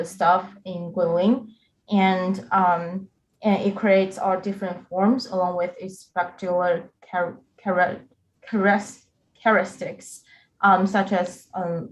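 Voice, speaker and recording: A young woman presents her project over a video call at a slow, careful pace, often stopping on filler sounds and restarting words. Her voice sits low for a woman. The call audio sounds echoey, with a faint hiss behind it. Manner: hesitant, with many filler "um"s and word restarts. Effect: heard over a video call. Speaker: student presenting remotely. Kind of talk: presenting a design project in a review.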